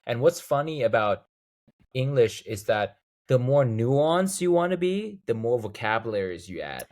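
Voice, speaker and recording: A man in his thirties from Thailand, a guest chatting casually in an interview and acting out examples as he talks. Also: moderate pace. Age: 30s. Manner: animated storyteller, acts out quoted lines in a higher voice. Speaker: guest, video game composer.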